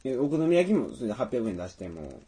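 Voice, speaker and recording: A man's voice: medium pitch, sing-song, fast talker, warm tone, a little hiss or hum. A man with a Tosa accent chatting casually as a podcast co-host, teasing and quizzing his partner. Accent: Tosa (Kochi) Japanese. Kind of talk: casual chat.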